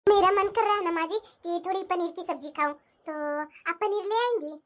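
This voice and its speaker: A woman's voice: very high-pitched, moderate pace, noisy background. A woman voicing a young, clever daughter-in-law who mutters asides and speaks politely to her mother-in-law. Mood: coaxing. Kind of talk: cartoon voice acting.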